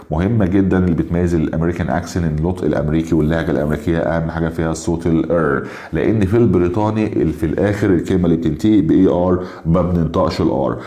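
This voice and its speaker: A young Egyptian man with an Egyptian Arabic accent teaching English pronunciation, slowly repeating each word several times to contrast sounds. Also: sits low, mellow. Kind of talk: recorded phonics lesson.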